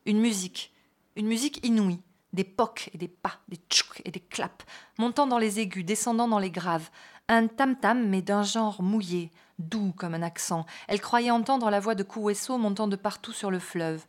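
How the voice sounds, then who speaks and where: A woman's voice: medium pitch, normal speed, darkish tone. A woman reading a literary novel aloud expressively, now and then adding brief spoken asides. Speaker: reader.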